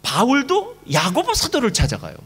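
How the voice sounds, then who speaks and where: A man preaching a sermon to a church congregation, telling a story with lively asides and rhetorical questions to the listeners. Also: very high-pitched, moderate pace, husky. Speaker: pastor. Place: church service.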